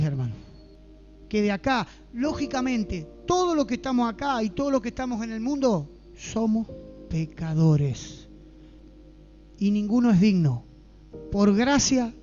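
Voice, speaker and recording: A man's voice: sits high, darkish tone, muffled recording. A man with an Argentine accent preaching a fervent sermon in church and asking the congregation rhetorical questions.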